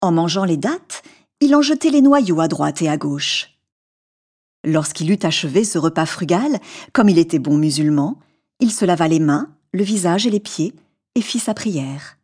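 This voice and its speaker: A woman's voice: fairly low pitch, expressive, normal speed, a little mellow, slightly rough. A woman narrating a classic tale as an audiobook, reading expressively.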